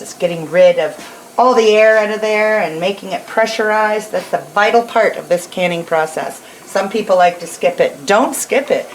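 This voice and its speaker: Middle-aged woman, machine noise behind her. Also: mid-range voice. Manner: folksy, instructive, chatty. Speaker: host of a home canning video. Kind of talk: casual instructional chat while cooking. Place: home kitchen. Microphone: camera a short distance away. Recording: roomy kitchen with machine noise. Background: kitchen appliance machine noise.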